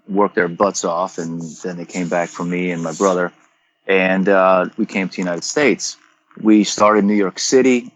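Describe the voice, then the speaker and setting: On a muffled recording, a low-pitched Croatian man, a rock singer in his fifties, recalls his youth in a casual interview. He is an animated storyteller who swears and acts out what people said.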